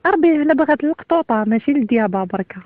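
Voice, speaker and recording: An Algerian woman with a high voice speaks rapidly over a landline phone, her sound narrow and tinny. She banters and bickers, insistent and always ready with a retort. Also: lively intonation, no echo. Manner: insistent, retorting, laughs often. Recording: thin, band-limited landline phone call.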